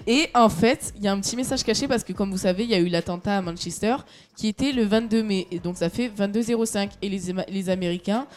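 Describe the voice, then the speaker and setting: Young female co-host, casual and giggly, halting delivery, mid-range voice. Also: mid-range voice, a little mellow. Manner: chatty, giggly, trips over her words. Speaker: radio show co-host. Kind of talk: casual radio chat.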